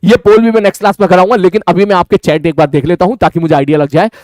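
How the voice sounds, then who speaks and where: A man teaching a live online class, talking fast and repeating his phrases with frequent checks for understanding. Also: high-pitched, fairly even intonation, darkish tone, dry recording, studio quality.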